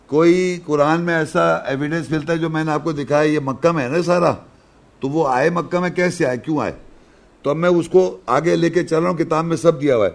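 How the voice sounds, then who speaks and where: A man with a fairly high voice teaches a scripture lesson, walking his listeners through each verse. He speaks in a chatty, explaining way, often posing questions and answering them himself. Now and then he slows down to chant a verse. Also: vocal fry. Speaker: religious teacher.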